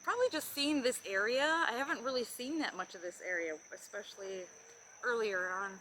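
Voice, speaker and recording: A woman's voice: on the high side, brisk, pushed and bright, slight background noise, low-quality recording. A woman co-hosting a motorcycle vlog, chatting casually in an outdoor recording. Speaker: motovlog co-host. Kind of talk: casual chat.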